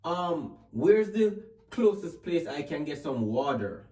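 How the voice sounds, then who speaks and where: Comedy sketch: a flustered, exasperated man, high lively voice, recorded off-mic in an echoey room. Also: slow pace, distant mic.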